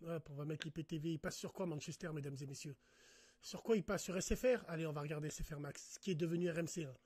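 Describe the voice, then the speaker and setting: A man's voice: a little high, fast, darkish tone, breathy edge, dry recording. A man doing a casual livestream rant. He talks straight to his viewers, swears a lot and gets worked up. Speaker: live streamer.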